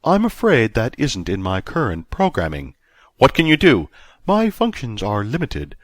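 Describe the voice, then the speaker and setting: A man's voice: fairly low pitch, huge pitch swings, moderate pace, no room sound. A man voicing a snooty, lackadaisical male ship computer in an audiobook. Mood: haughty.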